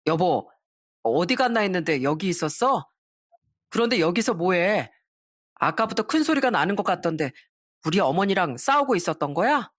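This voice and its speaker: A woman's voice: on the low side, very animated, normal speed. A woman voicing a husband who protectively confronts his mother. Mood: puzzled. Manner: indignant questioning. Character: adult man, husband, protective and indignant.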